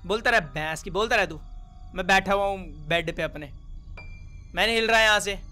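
A young man giving joking, excitable commentary while playing a horror game, with loud reactions. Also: high-pitched, brisk, faint music behind. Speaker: gaming YouTuber.

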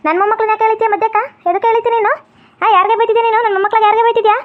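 A woman voicing a deaf, cranky old grandmother who scolds fast and holds to strict customs, in a comedy skit. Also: fairly even intonation. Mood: scolding. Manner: scolding, shrill and quick. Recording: tinny phone-like sound.

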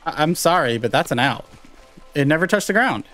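Excitable young man commentating his gameplay. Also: a little high, brisk, soft background music. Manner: excitable, talks to viewers while playing. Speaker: gaming YouTuber.

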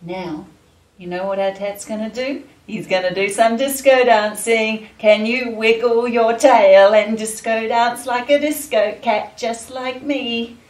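A woman leading a children's dance class, talking to young kids in a slow, sing-song, encouraging way. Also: a little high, a little mellow. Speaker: children's dance and gym teacher. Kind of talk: leading a kids' movement class. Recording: echoey room, voice from far off, faint music.

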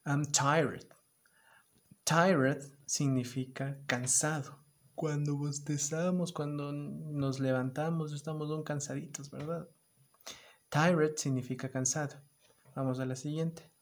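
A male teacher giving an online lesson to small children. He takes his time, speaking slowly and drawing out each word. He acts out every emotion and repeats the English words with strong emphasis. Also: a little high, steady tone.

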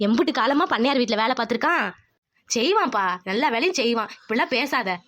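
A woman's voice: fairly high pitch, expressive, quick pace, a bit bright. A woman doing a motherly village auntie. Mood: reproachful, soothing. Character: kindly older village woman, defends the workers. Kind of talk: cartoon voice acting.

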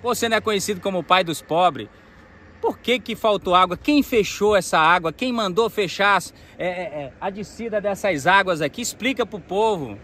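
A man's voice: high voice, expressive, normal speed, pushed and bright, slight background noise. A man, recording an outdoor political vlog on a phone by a dam, speaking combatively and calling out the president. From Maranhão, Brazil. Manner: combative, addresses the president directly, gestures emphatically. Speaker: political vlogger. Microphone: phone camera, selfie framing.

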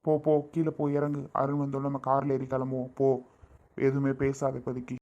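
A woman's voice: mid-range voice, moderate pace, highs cut off, lightly acted. A woman playing a scornful middle-aged mother who coldly brushes off her daughter's in-laws. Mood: hushed urging. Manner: cold, dismissive. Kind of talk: family drama acting.

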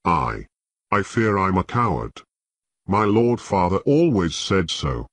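A man voicing a timid, tearful fat young nobleman recruit who talks in halting, apologetic stammers. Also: low-pitched, sing-song, dry recording, full character voice. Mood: ashamed.

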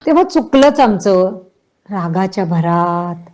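A woman's voice: medium pitch, animated, takes it slowly, darkish tone. A woman voicing a humble, earnest young husband who speaks politely and hesitantly, in a read-aloud novel.

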